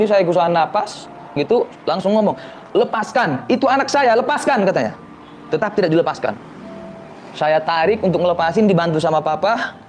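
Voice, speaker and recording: A man earnestly recounting his own account in first person, detailed and insistent on the facts. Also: fairly high pitch. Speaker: person giving a clarification.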